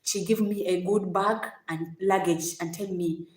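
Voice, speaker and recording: A woman telling her own story on a casual livestream, halting and repeating words as she goes, with frequent laughs. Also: fairly low pitch, steady tone. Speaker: vlogger. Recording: echoey room.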